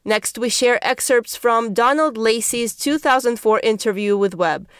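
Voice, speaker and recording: A woman hosting a radio news program, reading scripted narration in a measured, formal way. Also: fairly high pitch, fairly bright tone, smooth, no room sound, studio quality. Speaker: radio host.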